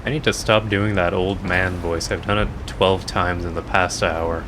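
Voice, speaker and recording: While playing a game on stream, this man keeps up a playful, jokey running commentary, mostly talking to himself. His voice is deep and steady at a moderate pace, and there's noise in the background.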